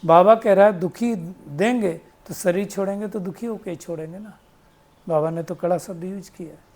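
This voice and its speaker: In a high, slightly mellow voice at normal speed, the spiritual teacher delivers a devotional discourse. His manner is patient and explanatory, sprinkled with quoted sayings and rhetorical questions carrying the tag "है ना?".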